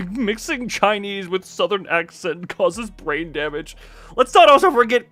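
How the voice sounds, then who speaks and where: A high-pitched man at a measured pace gives livestream commentary on a story game, performing the text dramatically and adding incredulous, lively asides with some profanity. The recording is dry, with faint music behind.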